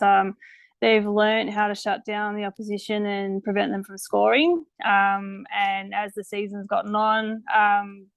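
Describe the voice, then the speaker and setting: Middle-aged woman, mid-pitched voice, casual sports co-host, dry home recording. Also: creaky, no room sound. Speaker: podcast co-host. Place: room at home, on a video call.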